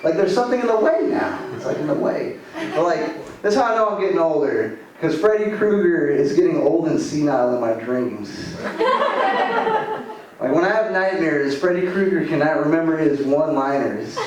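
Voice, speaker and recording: A man's voice: on the high side, animated, normal speed. A man in his late twenties from Arizona doing a stand-up comedy set, rambling loosely with lots of filler words. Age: 20s. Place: comedy club stage. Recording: echoey room, voice from far off, audible room noise.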